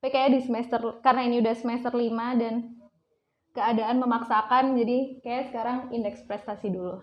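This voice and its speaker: A woman's voice: on the high side, steady tone, fairly quick, highs cut off. A young woman, a student guest, talking in a chatty way and searching for words.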